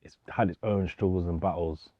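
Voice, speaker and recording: A man's voice: low-pitched, steady tone, normal speed, dry recording, phone-quality sound. A young man, speaking informally with slang and repetition as a DJ being interviewed. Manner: informal, slangy, repeats himself. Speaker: DJ, interview guest. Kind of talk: casual documentary interview.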